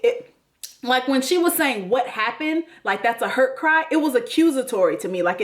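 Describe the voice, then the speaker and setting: A woman talks through a reality show recap in a loose, chatty way, full of opinions and fillers. Her voice sits a little high. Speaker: recap host. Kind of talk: casual TV recap commentary.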